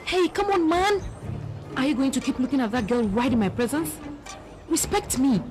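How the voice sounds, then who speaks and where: A woman's voice: high-pitched, big pitch swings, normal speed, a little mellow, soft background music. A woman dubbing a telenovela, playing an anxious young daughter who pleads and nags. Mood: nagging. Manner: pleading, then nagging. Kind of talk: dubbed telenovela acting.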